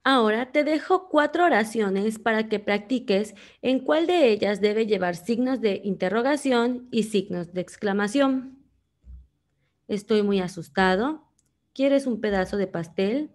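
A woman giving a friendly grammar lesson, explaining clearly and patiently and reading example sentences with expressive emphasis. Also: a little high, measured pace. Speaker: teacher.

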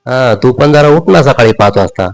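A man voicing a playful, bossy middle-aged mother who coaxes and teases her son in a brisk manner. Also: medium pitch, expressive, natural voice. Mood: teasing. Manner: coaxing, brisk, hushed at times.

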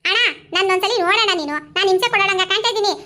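A woman acting a sly, smooth-talking village woman in a comedy skit, coaxing and quick to retort, with a Mandya Kannada accent. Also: very high-pitched, very noisy. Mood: wheedling.

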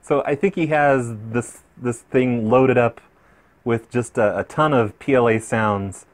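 A man's voice: medium pitch, unhurried. A man chatting casually as he opens fan mail, rambling and easily amused, with many restarts. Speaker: vlogger opening fan mail. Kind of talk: casual unboxing chat.

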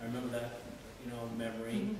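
A man's voice: medium pitch, completely flat delivery, quick pace. A man in his fifties from New Hampshire, telling casual childhood stories to a small group, chatty and good-humored with lots of fillers. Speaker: speaker at an oral history gathering. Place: wood-paneled old town meeting hall. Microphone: far camera. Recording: echoey hall from far off, noisy.

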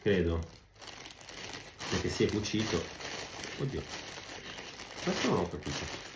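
A woman, a family member, speaking quietly and matter-of-factly from off-mic. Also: rumbling low, sing-song, a little slow. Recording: echoey room, off-mic, noisy.

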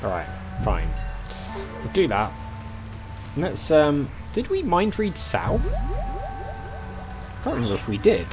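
A man's voice: sits high, huge pitch swings, slow, long pauses, music in the background. A man hosting a let's play, thinking aloud in casual, tentative game commentary. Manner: musing, tentative.

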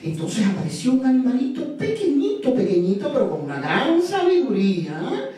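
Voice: medium pitch, wildly swooping pitch, normal speed, dark tone, faint music behind. A storyteller telling a folk tale live with playful, sing-song repetitions. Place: live event room. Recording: echoey live room from far off.

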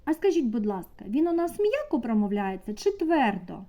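A woman teaching a preschool class, asking the children slow, sing-song questions. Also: a little high, sing-song, mellow, muffled recording. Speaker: kindergarten teacher. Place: kindergarten classroom.

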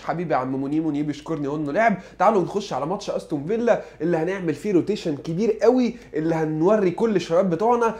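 A young man with an Egyptian Arabic accent, joking and excitable as he gives playful commentary on a football manager game. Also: high voice. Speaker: gaming YouTuber.

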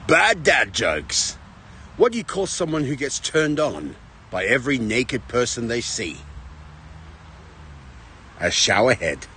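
A man's voice: mid-range voice, big pitch swings, measured pace, pauses often, fairly bright tone, a little hiss or hum. A man in his forties telling short corny dad jokes to a phone at arm's length, drawing out his catchphrase and dropping his punchlines. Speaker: comedian telling jokes to camera.

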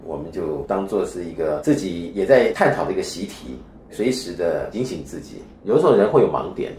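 In an interview, a spiritual teacher speaks with a very low, dark-toned voice, his intonation lively and pace a little fast. He explains at length in a lecturing manner, frequently turning to rhetorical questions, as the echoey room carries a faint hiss.

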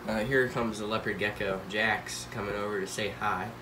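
A teenage boy with a blocked nose hosts a casual pet care vlog, panning his handheld phone across a home room full of tanks and rambling with many fillers. His voice is lowish and steady at a normal speed, with background noise present.

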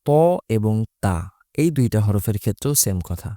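A man's voice: fairly low pitch, fairly quick, mellow, no room sound, studio quality. A man teaching Quran recitation, explaining Arabic letters patiently and methodically, repeating each letter's sound.

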